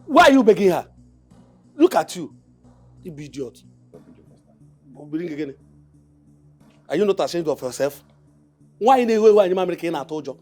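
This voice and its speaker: A man's voice: a little high, animated, normal speed, long pauses, mellow, soft background music. An actor with a Nigerian accent playing a defiant, hot-headed young man in a film drama, brash and confrontational. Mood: angry, defiant.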